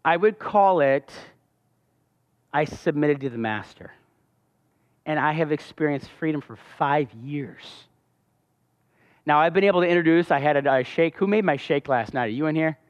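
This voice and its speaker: A man's voice: on the high side, expressive, normal speed, pauses often, clean tone. A man giving a sermon testimony, telling his story with passion. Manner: impassioned, storytelling. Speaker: pastor. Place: church hall. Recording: dull sound with long hall reverb.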